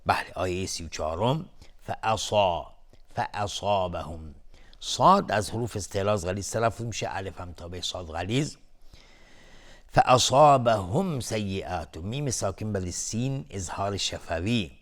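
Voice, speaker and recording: A man teaching Quran recitation rules in Persian-style explanation, switching between slow chanted verses and brisk spoken explanation. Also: sits low.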